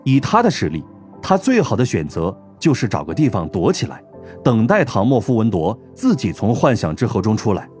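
A man narrating an audiobook in an expressive storytelling manner. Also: fairly low pitch, brisk, faint music behind. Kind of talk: scripted narration.

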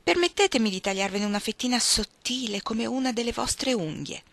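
Brief: a distinguished, gallant male sea captain, voiced by a woman, courteous and soft, with a bright tone. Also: on the high side, lively intonation, a little fast, vocal fry, dry recording, voice pushed up. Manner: polite, softly courteous.

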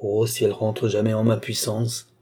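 Guy reading as a desperate sorcerer in a storybook, obsessive, chanting his will, low husky voice. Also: completely flat delivery, normal speed, mellow, close to an everyday voice. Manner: intense, willful incantations.

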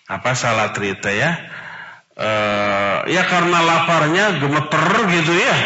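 Sundanese-accented guy preaching, bright lively voice, big echoey hall. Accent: Sundanese-tinged Indonesian. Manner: animated, acts out children's voices with high pitch jumps. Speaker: Islamic religious teacher. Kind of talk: Ramadan study lecture. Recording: echoey hall, muffled audio.

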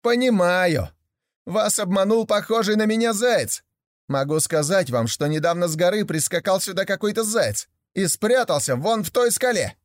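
A man voicing a sly, polite male trickster hare in a storybook reading, smooth and mock-courteous. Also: sits high, animated, moderate pace, no room sound, clean studio sound, voice pushed up.

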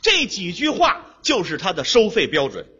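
A man leads a crosstalk comedy routine with playful, quick-witted patter. His voice is very high and lively, with a husky edge. The recording sounds dull and lo-fi. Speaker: lead comedian.

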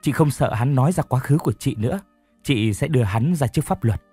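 A man's voice: medium pitch, animated, brisk, warm tone, breathy edge, no room sound, faint music behind. A man voicing a remorseful, tearful young woman who speaks in a pleading, shaky way. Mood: resolute.

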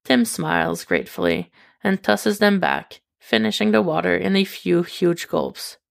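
A woman reading a fan story aloud in calm, intimate scripted narration. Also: lowish voice, a little slow, gravelly. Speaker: podfic reader.

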